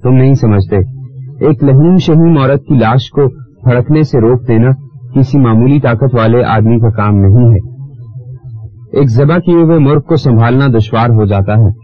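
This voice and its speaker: A man's voice: mid-range voice, dry recording, lo-fi sound, close to an everyday voice. A man voicing a shrewd, confident male detective who talks in a commanding, matter-of-fact way in an audiobook reading, over faint music.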